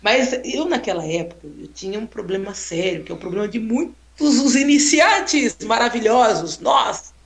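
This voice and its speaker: A woman photographer telling a story in a casual, expressive way, exclaiming often and tagging sentences with "né?". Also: on the high side, moderate pace, vocal fry, hardly any pauses. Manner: expressive, exclaiming, frequent "né?" tags. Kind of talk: casual storytelling on a live stream. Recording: roomy echo.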